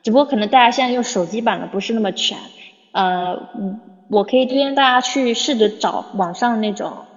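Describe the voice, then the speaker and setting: A woman's voice: a little high, brisk. A woman English teacher talking bluntly in a casual livestream Q&A, reading out viewer questions and scolding a little. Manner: reads viewer questions aloud. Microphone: phone. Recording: dull lo-fi phone livestream with long reverb.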